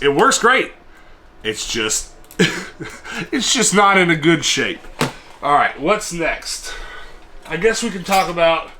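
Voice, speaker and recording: A collector vlogger chats casually through a show-and-tell, showing off his collection and rambling with self-deprecating humor. His medium-pitched voice sounds pushed and bright, with a little hiss or hum behind it.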